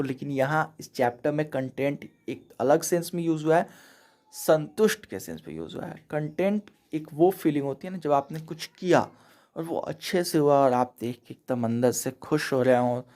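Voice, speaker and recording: A man's voice: on the high side, normal speed, a little mellow. A man from India giving a casual, chatty vocabulary lesson over slides, explaining each word and checking in with "theek hai" after every point. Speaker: English teacher.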